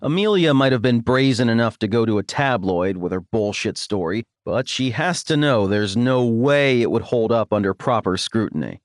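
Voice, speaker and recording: A man narrating a first-person romance audiobook in a wry, expressive storytelling manner on a studio microphone. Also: mid-range voice, normal speed, hardly any pauses, dry recording.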